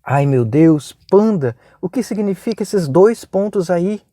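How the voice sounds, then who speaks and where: A man's voice: animated, measured pace, dark tone, dry recording, studio quality. A man voicing an anxious, confused exam student who pleads fretfully. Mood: panicked. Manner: fretful, higher-pitched pleading.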